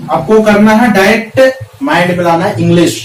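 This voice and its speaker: A man with a high voice teaches a spoken English lesson, drilling short phrases over and over and slowing right down on the example sentences. He sits back from the mic in an echoey room. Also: recorded from a distance, faint music behind. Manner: repetitive drilling, slow deliberate example sentences.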